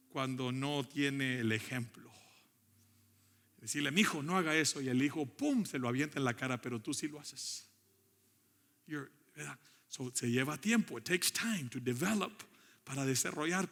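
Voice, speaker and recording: Bright-voiced preacher in a reverberant church. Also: male voice, fairly high pitch. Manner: preaching with call-and-response asides, switching into English. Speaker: pastor. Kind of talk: bilingual church sermon. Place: church sanctuary. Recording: long church hall reverb.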